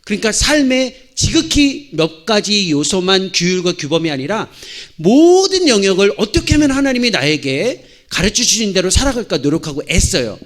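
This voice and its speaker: Middle-aged man, church lecture, handheld mic, fairly high voice, lively swooping delivery. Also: moderate pace. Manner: animated storytelling, acting out shouts and dialogue. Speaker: missionary pastor teaching church teachers. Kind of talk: lecture-style sermon. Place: church hall.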